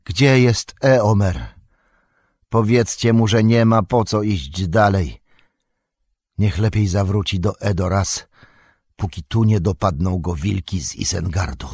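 A man reading aloud, voicing a weary warrior reporting a defeat, in a husky voice. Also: lowish voice, takes it slowly, a little mellow, no echo, studio quality, full character voice. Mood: grim. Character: weary battle-worn male warrior.

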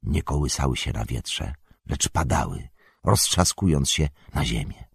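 Man, audiobook narrator, husky, dry close-miked sound, measured storytelling. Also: rumbling low, big pitch swings, dry recording. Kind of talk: scripted narration.

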